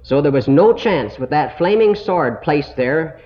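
A man giving a slow, deliberate Bible lesson to a congregation, heard on an old, muffled tape recording. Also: fairly high pitch, lively intonation. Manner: slow, deliberate, explanatory teaching. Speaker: Bible teacher.

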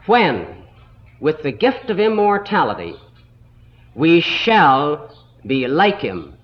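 A man teaching a Bible school lesson in a slow, deliberate way, stopping to spell out words letter by letter, heard on an old 1960s tape recording. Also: on the high side, sing-song, lo-fi sound.

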